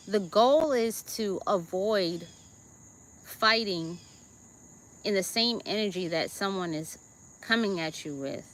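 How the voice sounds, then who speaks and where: A woman with a Jamaican accent gives a deliberate self-help talk as host, often checking in with her listeners with "okay?" and "right?". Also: mid-range voice, sharp tone.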